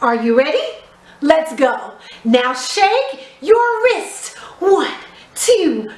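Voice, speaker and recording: A children's theatre teacher with a high voice guides young kids through a drama lesson. She speaks slowly and very melodically, enunciating her expressive instructions with care, while the room gives off a noticeable echo.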